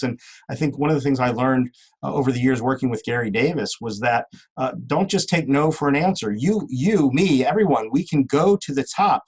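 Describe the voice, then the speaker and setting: A man's voice: mid-range voice, a little mellow, husky, poor audio. A man talking as a guest in a casual interview, rambling with many restarts and fillers.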